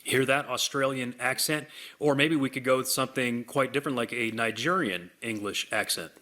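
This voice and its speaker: A man hosting a software demonstration, walking through it in an upbeat sales manner. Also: mid-range voice, moderate pace. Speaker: software demo host. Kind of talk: product demonstration.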